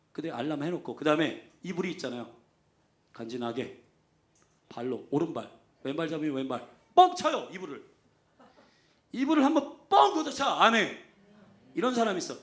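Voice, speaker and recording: A male pastor preaching a Sunday sermon, emphatic, calling for amens, swinging between loud exclamations and soft asides. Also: mid-range voice, animated, normal speed, pauses often. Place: church sanctuary. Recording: echoey church sanctuary.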